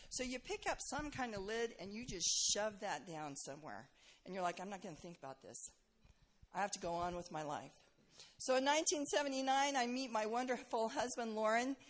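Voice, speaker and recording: Earnest older woman telling her testimony. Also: medium pitch. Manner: earnest, candid, emotional storytelling with self-deprecating laughs. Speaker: speaker sharing her testimony. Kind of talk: personal testimony talk.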